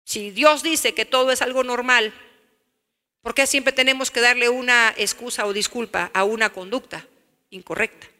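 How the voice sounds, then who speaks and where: A woman with a Mexican accent preaching a sermon, animated, with rhetorical questions and acted-out family scenes. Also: a little high, moderate pace, big-room sound. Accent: Mexican Spanish.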